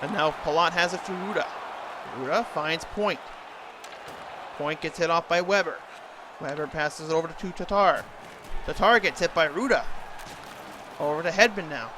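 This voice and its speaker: A man's voice: fairly high pitch, background noise. A man doing hockey play-by-play commentary in an imitation of a TV sports announcer.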